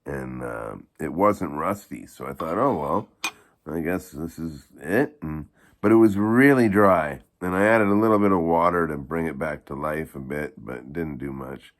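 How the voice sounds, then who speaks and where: A man with a gravelly voice giving a rambling, halting, casual product review in the manner of a video blogger. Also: very deep voice. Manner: halting, rambling delivery with repeated false starts.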